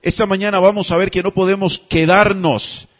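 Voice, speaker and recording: A high-pitched man delivers a sermon in a conversational way, tossing out rhetorical questions and having the congregation repeat lines back to him. The sound is dull and muffled, like a radio broadcast. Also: fairly even intonation, normal speed. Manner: calls the congregation to repeat phrases. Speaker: pastor.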